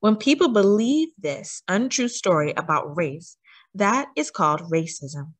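A story time host, a woman with a very animated mid-range voice, reads a children's picture book aloud. She uses deliberate, teacherly emphasis and questions the kids.

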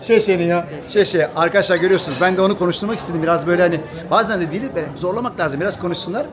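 High-voiced, fast-talking man. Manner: chatty, repeats phrases, coaxing questions. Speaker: vlog host. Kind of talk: casual vlog chat and interviewing. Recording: crowd chatter behind.

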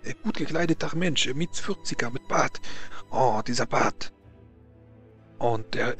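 A man voicing a frightened, boastful theatre principal with a French accent and a halting, melodramatic delivery. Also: medium pitch, lightly acted. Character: frightened, boastful, slender male theatre principal, freed captive.

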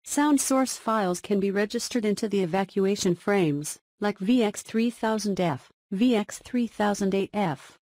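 A woman's voice: medium pitch, a little mellow, dry recording. Woman narrating tutorial in dry sound. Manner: short, segmented instructional phrases. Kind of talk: step-by-step instructional narration.

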